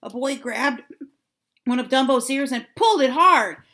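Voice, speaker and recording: An older woman, a grandmother, reading a children's storybook aloud with deliberate, dramatic phrasing and drawn-out words. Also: sits high, lively intonation, pushed and bright.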